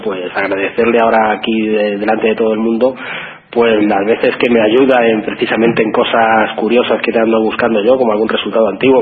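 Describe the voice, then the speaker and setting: A man calling in to a live radio show over the phone, speaking hesitantly and often restarting or repeating his words. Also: fairly low pitch. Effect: heard over the phone line. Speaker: radio call-in listener. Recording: tinny phone line on radio.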